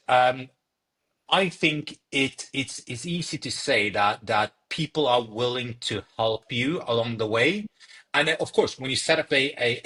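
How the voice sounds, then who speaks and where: A young Norwegian startup founder, whose first language is Norwegian, answers interview questions in a bright, forceful voice at a mid pitch for a man. He sounds hesitant, halting often, repeating words and filling pauses.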